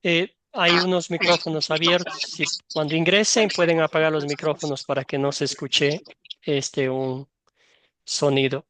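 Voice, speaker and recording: A man's voice: a little high, flat delivery, normal speed, no room sound. A man moderating an online Bible class, welcoming each student by name and calling on them in turn. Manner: gently guides students, calls on each in turn.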